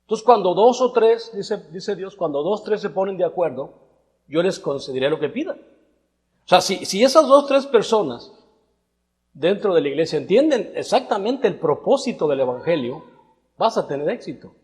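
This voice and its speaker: A man's voice: sits high, very animated, moderate pace, darkish tone. A man preaching a sermon to his congregation, talking conversationally and building to emphatic rhetorical questions. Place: church hall. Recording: long reverb of a church hall.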